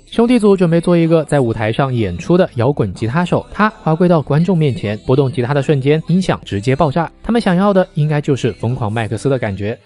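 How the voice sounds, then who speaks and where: A man narrating a scripted voice-over recap with brisk, lively commentary. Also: on the high side.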